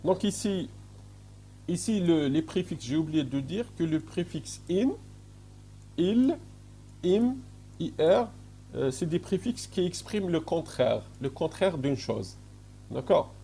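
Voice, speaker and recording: A faint hiss or hum runs under this recorded university lecture by a man with an Algerian French accent and a mellow, expressive, rather high voice. He talks slowly, hesitates often, and keeps checking that students follow with "d'accord?"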